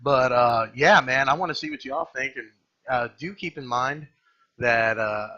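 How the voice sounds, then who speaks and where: A man giving casual, off-the-cuff game commentary in a rambling, halting way, often correcting himself and using blunt, salty slang. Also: medium pitch, bright, forceful tone, dull audio. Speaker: gaming video host.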